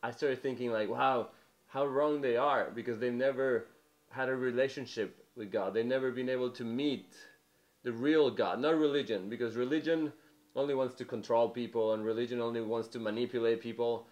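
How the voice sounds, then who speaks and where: A man's voice: mid-range voice, fairly even intonation, moderate pace. Earnest young man from Mexico preaching. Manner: earnest, conversational, many "you know" fillers. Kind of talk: testimony sermon.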